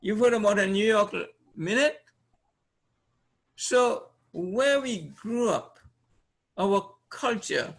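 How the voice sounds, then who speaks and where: Here a trainer from Trinidad, with a high and fairly bright voice, leads an informal seminar for a live audience. He keeps it conversational, echoing phrases and tossing questions to the room, all in a Trinidadian accent.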